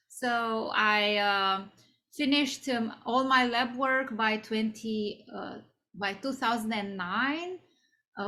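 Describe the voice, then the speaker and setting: Interview guest: woman, 40s, high bright voice, chatty with many ums. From Romania. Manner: conversational, many fillers and restarts. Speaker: guest speaker. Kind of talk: career interview.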